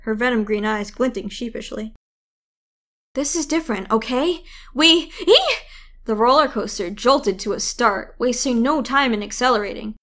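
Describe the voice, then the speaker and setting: A woman narrating a fantasy short story in a lively, expressive storybook way. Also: mid-range voice, gravelly.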